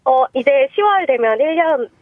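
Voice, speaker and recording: A woman's voice: high voice, lively intonation, normal speed, background noise. A young woman calling in to a radio show over a phone line, giving brief, polite answers. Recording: thin phone-line audio.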